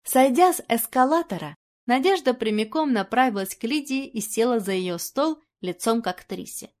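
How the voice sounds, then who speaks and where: Woman narrating an audiobook, steady and expressive. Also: a little high, moderate pace. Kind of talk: scripted narration.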